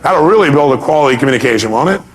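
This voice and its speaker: Over slight background noise, a medium-pitched man delivers a motivational seminar very fast and expressively. Emphatic throughout, he quizzes the audience with rhetorical questions, circles back to key points, and dramatizes people's reactions.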